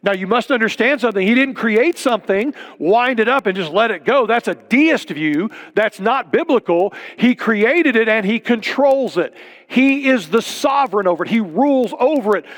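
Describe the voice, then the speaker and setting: A man's voice: sits high, expressive, moderate pace. A middle-aged man preaching a sermon as a pastor, earnest and emphatic, repeating key points. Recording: long hall reverb.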